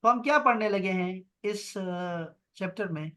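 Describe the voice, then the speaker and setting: Teaching grammar online via video call, a man draws out and repeats every word in a patient, reassuring way. He has a fairly high voice with a sharp tone.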